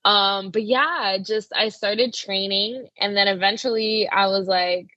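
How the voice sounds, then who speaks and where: A woman's voice: medium pitch, a little slow, bright, forceful tone, no echo. Young woman, wrestler guest, casual chatty interview, dry close sound, slightly muffled. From Arizona. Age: young adult. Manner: chatty, lots of "like" fillers.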